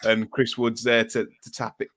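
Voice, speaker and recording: A man hosting a casual football podcast in a mid-pitched voice. He vents with exasperation, swears freely and trips over repeated words when worked up. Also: completely flat delivery, normal speed, fairly bright tone. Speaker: podcast host.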